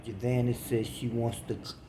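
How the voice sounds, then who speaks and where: A man voicing a blunt, concerned male party leader on the phone, close to his own low voice. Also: level tone, moderate pace, mellow, echoey room, slight background noise, natural voice. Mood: firm.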